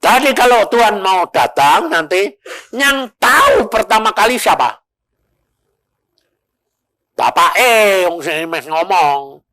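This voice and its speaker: Older preacher man telling lively stories. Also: high voice, slow, pauses often, no echo. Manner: animated storytelling, acting out quoted voices. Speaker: evangelist preacher. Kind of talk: sermon with storytelling.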